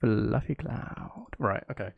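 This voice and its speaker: On a phone-quality recording, a livestreamer making music live chats slowly with viewers, rambling and thinking aloud. His medium-pitched voice has vocal fry and a breathy edge, and music and synth sounds fill the background.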